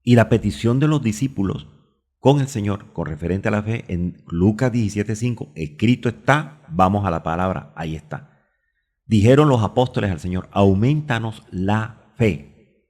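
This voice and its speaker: A man's voice: on the low side, expressive, normal speed, a little mellow. A man with a Colombian Spanish accent preaching a radio sermon, stopping to look up Bible verses aloud and drawing out key words. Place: radio studio.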